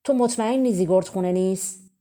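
A woman's voice: mid-range voice, warm tone, lightly acted. A woman reading a storybook and voicing a menacing ogress sister who roars and accuses. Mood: sly. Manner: roaring, accusing. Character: menacing female ogress, sly and threatening.

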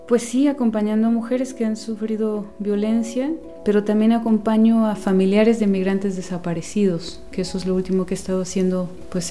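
Soft-spoken woman with a mellow voice. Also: medium pitch. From Guatemala. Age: 40s. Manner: soft-spoken, searching for words with many pauses and restarts. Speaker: guest, women's companion and former teacher. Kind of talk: unhurried interview talk.

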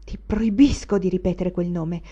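A woman's voice: on the low side, steady tone, normal speed, mellow, lo-fi sound, close to an everyday voice. A woman reading the part of a touchy, brooding young male student who speaks with indignant vehemence.

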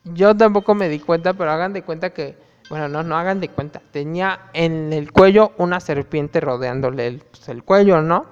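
A man's voice: fairly high pitch, normal speed, smooth. Chatty young man storyteller. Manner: chatty, gossipy, full of fillers. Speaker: student vlogger. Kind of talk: casual storytelling. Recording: dull lo-fi with reverb, faint music.

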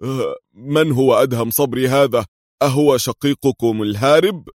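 Male narrator voicing a cheeky fat sidekick, pitched high, bold and loud, teasing. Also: normal speed, no echo, studio quality, lightly acted. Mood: mocking. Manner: teasing, playful. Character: jovial fat male sidekick, mocking captors.

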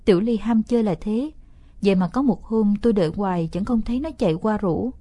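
A woman reading a first-person story aloud as an audiobook narrator, steady and expressive. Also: medium pitch, brisk, no echo.

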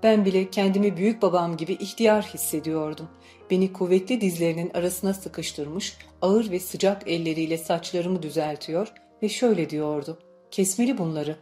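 A woman narrates an audiobook in a calm, measured storytelling voice. Her tone is mellow and somewhat low for a woman. Faint music plays underneath. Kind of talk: scripted narration.

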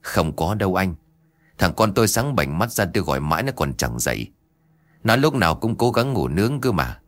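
A man's voice: deep voice, big pitch swings, a little fast, no room sound. A man voicing a worried middle-aged village mother in a spoken ghost story, pleading and tearful.

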